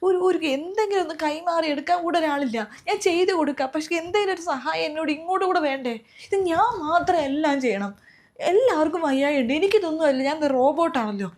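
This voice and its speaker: In a comedy sketch, a woman with a very high, lively-toned voice plays an overworked elder sister-in-law who is weary and fed up. Furious, she complains and rants rapidly in an exasperated way.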